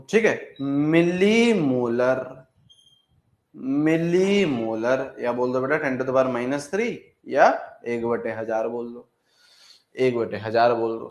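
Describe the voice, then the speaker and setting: Echoey-room male chemistry teacher. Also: medium pitch. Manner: repetitive, coaxing, calls students "beta". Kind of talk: classroom lecture.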